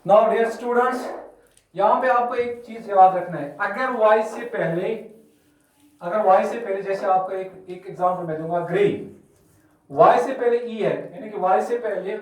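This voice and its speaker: A male teacher from Kashmir explaining grammar to his class slowly, repeating examples and spelling words out letter by letter. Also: high voice. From Kashmir, India. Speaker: school English teacher. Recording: echoey room, mic far off.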